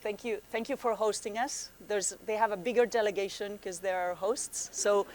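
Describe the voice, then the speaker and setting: A woman program manager giving a friendly conference presentation, halting often with fillers and restarts, speaking in a conference room. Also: medium pitch, fairly even intonation, darkish tone.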